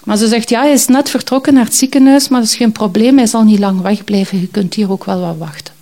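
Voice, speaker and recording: A woman's voice: mid-range voice, quick pace, mellow. A woman telling a personal story in a reflective, hesitant way, with many fillers.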